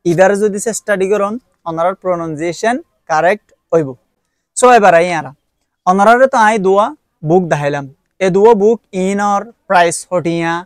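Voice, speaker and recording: Man, young adult, Rohingya accent, high voice, hesitant explainer, dry sound. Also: dry recording. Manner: explains step by step with frequent hesitations. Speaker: book reviewer. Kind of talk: casual spoken product review.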